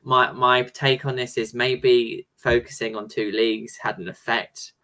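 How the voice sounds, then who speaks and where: Male co-host for a casual panel chat, bright tone, eager and fast in bursts. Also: medium pitch, flat delivery, low-quality recording. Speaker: podcast co-host.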